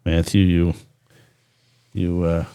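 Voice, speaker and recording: A man hosting a casual chat podcast, playful and teasing, often pausing and restarting as he thinks. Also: sits low, level tone, dark tone, smooth. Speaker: podcast host.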